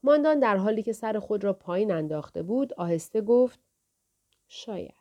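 A woman's voice: medium pitch, muffled recording. Woman reading an audiobook steadily. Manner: steady, even literary reading. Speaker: audiobook narrator. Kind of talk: scripted narration.

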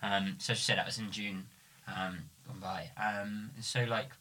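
A man's voice: lowish voice, moderate pace. A man hosting a podcast, chatting casually with guests and asking loose, filler-heavy questions. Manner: relaxed, filler-heavy questions with many "like" and "sort of". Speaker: podcast host. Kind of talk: casual interview chat.

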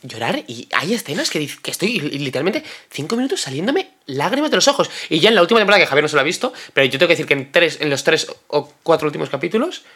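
A young man co-hosting a homemade podcast, chatting casually in an excitable, exclamatory way. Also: fairly high pitch. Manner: excitable, exclaiming, quick to laugh. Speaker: podcast co-host. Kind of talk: casual chat.

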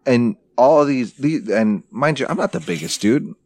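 A man's voice: mid-range voice, lively intonation, moderate pace, a little mellow, no echo. A man from Arizona, a podcast co-host, telling a story in casual, profane, blunt chat. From Arizona, USA.

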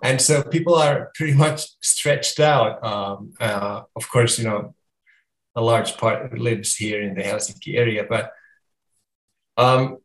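A man with a Finnish accent, a guest author talking slowly and thoughtfully in a casual conversation with halting restarts. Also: mid-range voice, echoey room, poor audio. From Finland.

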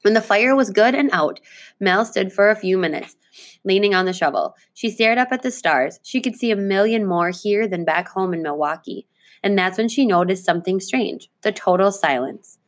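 A woman teacher reading a children's book aloud to her class, with clear, expressive delivery. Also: medium pitch, moderate pace.

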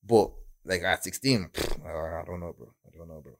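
A man's voice: low voice, normal speed, creaky, a little hiss or hum. A young man with an urban London accent, chatting casually in slang and rambling through his thoughts. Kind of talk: casual group chat.

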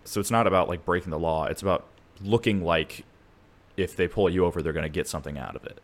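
A man with a very low voice talks through casual comedic podcast chat. He is blunt and swears freely, drifting into stories and opinions. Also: fast. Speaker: podcast co-host.

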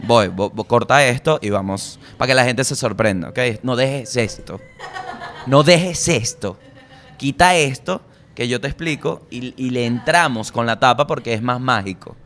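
A man with a Venezuelan accent hosting a comedy podcast, telling stories in slangy, animated chat, swearing freely and throwing in jokey asides. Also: medium pitch, moderate pace, hardly any pauses. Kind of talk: casual comic monologue.

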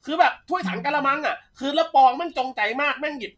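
A man's voice: extremely high pitch, lively intonation, fast talker, a bit bright. A young man hosting a casual post-match chat about an esports game, bantering rowdily with crude words and laughing often. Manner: rowdy, profane banter with frequent laughter. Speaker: shoutcaster host.

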